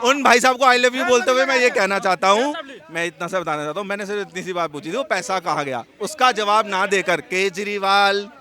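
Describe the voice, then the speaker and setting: A man's voice: high voice, fairly quick, pushed and bright. A man in a heated street debate, insisting on his turn to speak and answering sarcastically. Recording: crowd noise behind.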